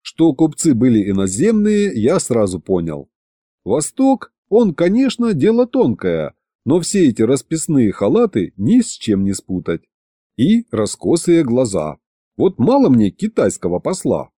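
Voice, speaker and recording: A man narrating an audiobook in a wry, expressive first-person manner. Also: medium pitch, unhurried, no echo, clean studio sound.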